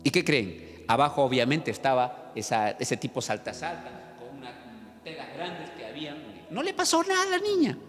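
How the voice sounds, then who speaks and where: A man's voice: medium pitch, sing-song, moderate pace, fairly bright tone. A man, the pastor, preaching a sermon with dramatic storytelling and questions to the congregation. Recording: long church-hall reverb, faint music.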